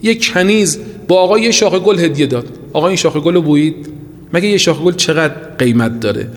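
A man preaching a fervent sermon in a large hall, his fairly high voice trailing a long reverb. He climbs into ringing cries, then drops to slow, hushed lines and recites scripture. He speaks from a shrine hall, the sound carrying far. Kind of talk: impassioned religious sermon.

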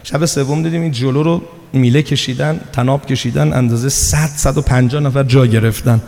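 A man preaching a sermon, telling stories and acting out the dialogue, with swings between loud urging and hushed, low asides. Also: steady tone. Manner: storytelling, acting out quoted dialogue. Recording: long reverb of a large hall.

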